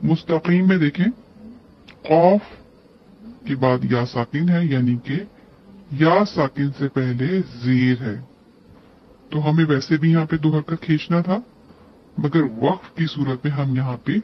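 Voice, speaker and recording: A male tajweed teacher who talks very slowly and deliberately, sounding out letters one by one. His voice sits a little high, and he lengthens the recited syllables. The recording is dull and lo-fi. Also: slight background noise. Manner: spells out letters and stretches recited words. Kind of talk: slow tajweed lesson, recitation and explanation.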